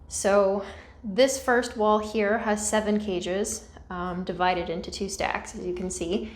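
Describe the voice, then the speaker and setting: A woman's voice: medium pitch, fairly even intonation, slow pace. A woman giving a casual, self-deprecating explainer as a vlog host, recorded in a small, echoey, mostly empty room. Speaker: host of a snake-keeping video channel.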